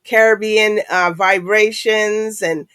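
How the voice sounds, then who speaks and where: A woman's voice: medium pitch, fairly even intonation, slow pace, fairly bright tone, clear, resonant tone, dry recording. A woman hosting a talk show in a chatty, casual way, with frequent fillers.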